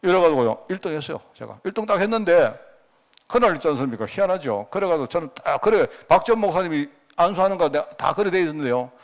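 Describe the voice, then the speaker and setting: A middle-aged pastor with a Gyeongsang accent, telling personal stories in a sermon, with a folksy manner and chuckling asides. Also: male voice, fairly high pitch, expressive, quick pace. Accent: Gyeongsang Korean. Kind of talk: storytelling sermon. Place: church sanctuary.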